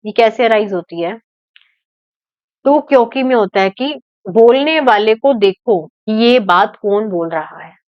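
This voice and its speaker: A woman's voice: a little high, expressive, a little slow, dry recording. A woman teaching an exam-prep lecture, explaining with everyday examples and rhetorical questions. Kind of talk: online lecture. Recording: dull lo-fi dry recording.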